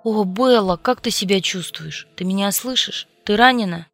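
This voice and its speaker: A woman's voice: fairly low pitch, brisk, no echo, soft background music, close to an everyday voice. Woman reading as an urgent, worried young man. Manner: urgent, pleading, then scolding. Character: worried young male friend, protective.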